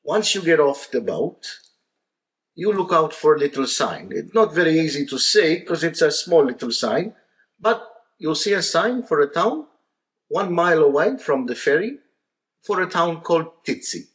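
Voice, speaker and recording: A sly, hospitable older Maltese father, pitched higher and punchier than the teller's usual talk, as a man puts him on. He leans on his lines with teasing emphasis. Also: fairly even intonation, quick pace, gravelly, hardly any pauses, a bit bright. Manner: teasing storyteller's put-on voice.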